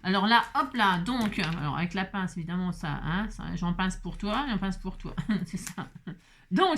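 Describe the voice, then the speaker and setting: This craft video host from France speaks in a somewhat high, slightly bright voice. Throughout her casual tutorial she is chatty and playful, narrating to herself as she works and laughing often.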